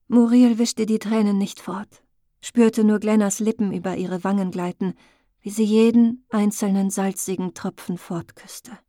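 Slow, warm-voiced woman narrator. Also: medium pitch, dry recording, studio quality. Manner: slow, intimate, emotive storytelling. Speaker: audiobook narrator. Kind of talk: scripted narration.

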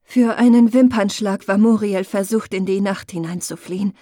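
A woman narrating an audiobook in a slow, intimate, emotive storytelling manner, recorded close on a studio mic. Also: medium pitch, warm tone, no room sound. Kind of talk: scripted narration.

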